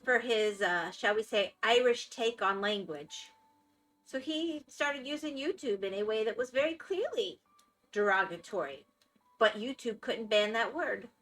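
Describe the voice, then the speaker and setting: Her voice fairly high, fairly bright, and expressive, a Florida-accented woman streams while gaming, speaking a little slowly as she chats casually with viewers and responds to their comments.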